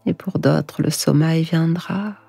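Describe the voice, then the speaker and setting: A woman guiding sleep hypnosis in a hushed, breathy, soothing voice, slow and whispered right in the listener's ear. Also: sits low, fairly even intonation. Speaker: hypnosis guide. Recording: echoing voice over music. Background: music.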